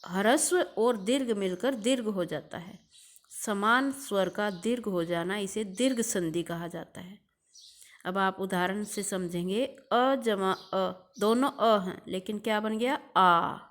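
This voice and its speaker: A woman's voice: medium pitch, unhurried. A woman teacher giving a recorded grammar lesson, drawing out examples and repeating key terms.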